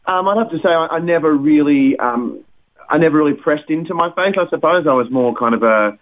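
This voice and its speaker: A man's voice: a little high, animated, fairly quick. Reflective man from Australia on a phone line. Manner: hesitant, many fillers and restarts, reflective. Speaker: singer, songwriter. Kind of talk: interview guest, casual storytelling.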